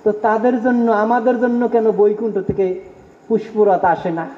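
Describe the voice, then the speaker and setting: A man's voice: high-pitched, steady tone, a little fast. A man giving a devotional sermon, repeating phrases emphatically and leading the audience in call-and-response. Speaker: preacher. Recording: dull, echoey hall sound.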